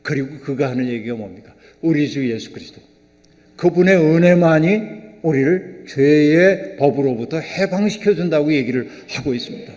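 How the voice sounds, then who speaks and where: A man's voice: fairly high pitch, mellow. An older male pastor preaching a conversational sermon, often asking the congregation questions. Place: church sanctuary. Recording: long reverb of a church hall.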